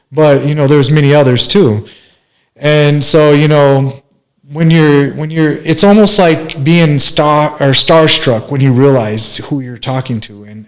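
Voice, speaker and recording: A master barber from Minneapolis, USA, in his forties, tells his life story as an interview guest, rambling with lots of fillers and restarts. His voice is medium-pitched, and the recording quality is low.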